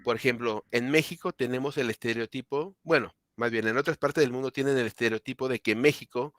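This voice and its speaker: A man's voice: medium pitch, fairly quick, fairly bright tone, dry recording. A Mexican man speaking up in a class discussion, explaining with "o sea".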